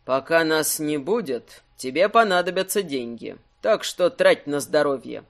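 Brief: man playing a laid-back, wry rogue for an audiobook, low and slow. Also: creaky, exaggerated voice. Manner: calm, wry, low and unhurried. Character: easygoing, wry male rogue adventurer.

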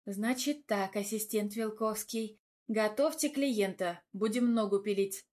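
A woman voicing a sharp-tongued young woman doctor who gives stern, mocking orders in a raised voice. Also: a little high, lively intonation, normal speed, voice pushed up.

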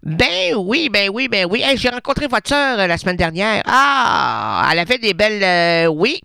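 A man with a Québécois accent, hosting a radio show as a rambling absurd monologue full of puns and stammered restarts, jumping between hushed asides and sudden shouts. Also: sits high, big pitch swings, moderate pace, gravelly, clean tone, no echo, clean studio sound. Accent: Québécois French. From Quebec. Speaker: radio host.

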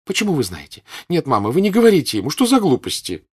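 A husky-voiced man voicing a playful, stubborn teenage girl in an audiobook, talking eagerly and insistently. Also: on the low side, very animated, normal speed, voice pushed up, heavily acted. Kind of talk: audiobook character voice.

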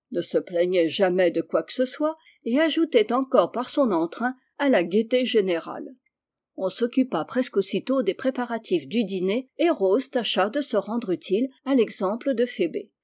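A woman reading a classic children's novel aloud as an audiobook, with measured, expressive storytelling. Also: medium pitch. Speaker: audiobook reader. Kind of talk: scripted narration.

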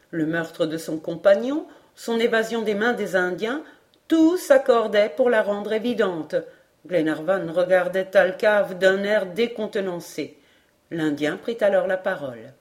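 A woman narrating a classic adventure novel in a measured, even audiobook reading. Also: medium pitch. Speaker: audiobook reader.

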